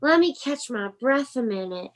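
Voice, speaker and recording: A woman's voice: sits high, animated, moderate pace. A young woman voicing a flustered mother who scolds her son in a school play reading. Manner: fussing, scolding.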